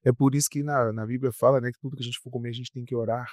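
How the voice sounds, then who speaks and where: A man of ordinary pitch tells his stories in a loose, animated way, circling back with fillers and repeated words. He sounds like a rock singer chatting as a podcast guest. The recording is close and dry, with no room sound. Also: very fast, no echo. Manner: animated, repetitive storyteller with frequent fillers. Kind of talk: casual storytelling interview.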